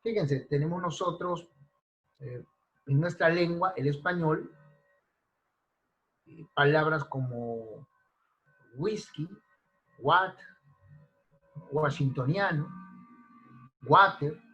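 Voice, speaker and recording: This language teacher's voice is a little high, pushed and bright, and the sound is lo-fi. Teaching spelling online through a computer mic, he names example words one after another slowly and deliberately, checking with his class by asking "¿ya?".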